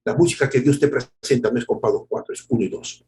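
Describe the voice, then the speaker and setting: A man, preaching a sermon in an animated way, repeating words and acting out quotes. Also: mid-range voice, fast talker, low-quality recording. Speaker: pastor.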